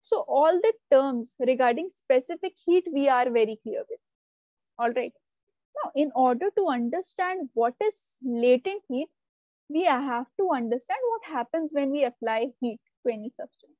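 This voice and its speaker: High mellow woman teaching. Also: expressive, normal speed, dry recording, lo-fi sound. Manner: explains step by step, often checking if students follow. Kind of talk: live online class lecture.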